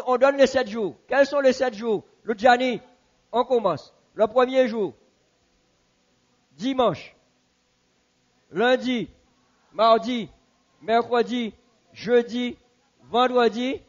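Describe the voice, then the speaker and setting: High-voiced man teaching a church class. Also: lo-fi sound. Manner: asks the audience questions, repeats slowly. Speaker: preacher teaching a Bible class. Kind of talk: interactive Bible teaching.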